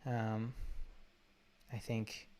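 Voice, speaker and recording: A man leading a guided meditation from a laptop or phone while traveling, talking haltingly with many fillers and restarts. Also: fairly low pitch, level tone, a little mellow. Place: undisclosed spot while traveling. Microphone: laptop or phone mic.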